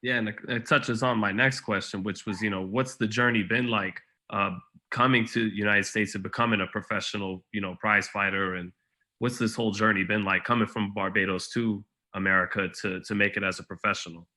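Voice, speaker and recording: A man's voice: lowish voice, steady tone, fairly quick, bright, forceful tone. A man working as a reporter, asking a boxer questions on a video press call in a loose, conversational way.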